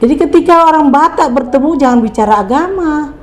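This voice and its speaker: A woman's voice: high voice, lively intonation, a little fast. A middle-aged woman from Indonesia, speaking as an interview guest and making her points emphatically with rhetorical questions. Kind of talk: conversational interview.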